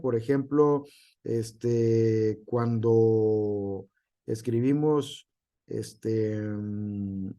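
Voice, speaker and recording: A man's voice: medium pitch, mellow. A male teacher gives an online class, with frequent hesitations and filler words.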